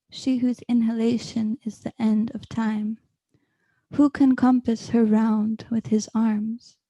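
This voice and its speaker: A woman gives a solemn poetry reading in a very dark, mellow voice with a creaky edge. She recites deliberately and slowly, letting each phrase stand. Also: on the high side, dry recording, poor audio. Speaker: poetry reader.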